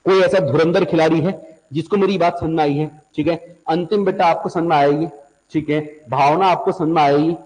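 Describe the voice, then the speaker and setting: High-pitched man teaching, echoing room. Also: steady tone, moderate pace, darkish tone. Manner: addresses students as beta, keeps asking if they understand; explains by repeating each point several times. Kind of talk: online Hindi grammar class.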